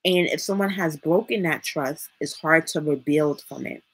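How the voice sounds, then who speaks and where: Woman, live streamer, slight lisp, husky breathy tone, rambling casual advice. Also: deep voice, normal speed. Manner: rambling, thinks aloud, uses fillers.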